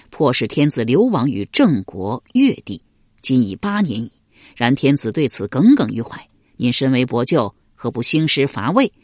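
Woman reading a formal royal envoy, husky, lively delivery. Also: medium pitch, no room sound, studio quality. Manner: formal, urging.

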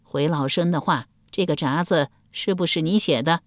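A woman with a deep voice, speaking at normal speed in a clean studio with no echo, plays a shrewd, stern elderly grand empress dowager in a storybook reading. She is cold and commanding, scolding in an imperious mood.

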